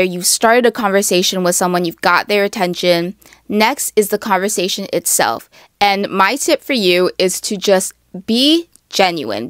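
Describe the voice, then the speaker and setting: A woman's voice: mid-range voice, no echo, clean studio sound. A young woman hosting a casual advice talk, chatty and full of "like" and "literally.". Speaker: host.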